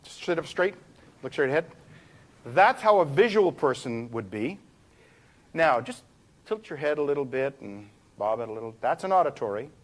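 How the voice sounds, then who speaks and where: Animated male seminar trainer. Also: medium pitch, normal speed, long pauses. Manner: animated, demonstrates voices while explaining. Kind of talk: live seminar lecture. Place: room with a live audience.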